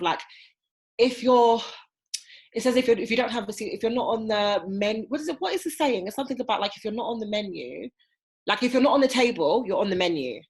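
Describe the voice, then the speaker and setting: A woman appearing as a podcast guest, speaking earnestly and weighing her views out loud. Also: fairly high pitch. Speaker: podcast guest, diversity specialist. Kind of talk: conversational podcast interview.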